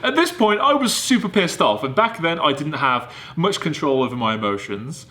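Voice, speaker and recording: A man telling a story in casual vlog style, animated and laughing often. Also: a little high, moderate pace, noisy background. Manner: animated, laughs often, keeps asking "right?". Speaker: vlog co-host.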